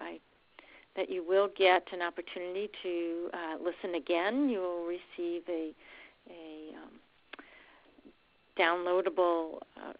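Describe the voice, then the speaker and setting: Woman hosting on a muffled line. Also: fairly low pitch. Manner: gracious, measured wrap-up with fillers. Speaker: host of a monthly call series. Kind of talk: hosting a call.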